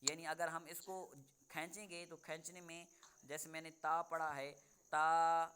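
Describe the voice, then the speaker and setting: A man teaching Quran reading in a calm, clear, smooth voice, pitched a little high. He patiently explains each point and says every sound slowly so the student can repeat it. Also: no room sound. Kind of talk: online one-on-one lesson.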